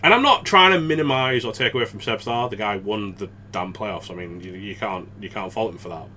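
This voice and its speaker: Bright-voiced chatty podcast man. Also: lowish voice, a little hiss or hum. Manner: chatty and rambling, quick to laugh. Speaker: podcast co-host. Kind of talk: casual gaming podcast chat.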